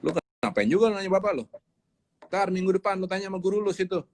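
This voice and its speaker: A man voicing an impatient father brushing off his child in rough, fast slang. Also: high voice, lively intonation, a little mellow, voice pushed up. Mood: dismissive.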